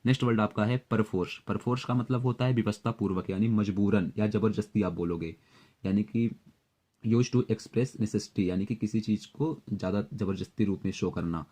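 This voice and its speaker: A man teaching exam vocabulary, explaining words and memory tricks at a steady pace with frequent fillers. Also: fairly low pitch, moderate pace. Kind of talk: Hindi-English vocabulary lesson with memory tricks.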